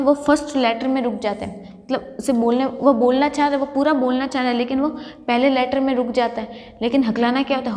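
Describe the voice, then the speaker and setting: A woman's voice: high voice, darkish tone, in a large hall. A woman college lecturer giving a classroom lecture, explaining step by step and answering her own questions.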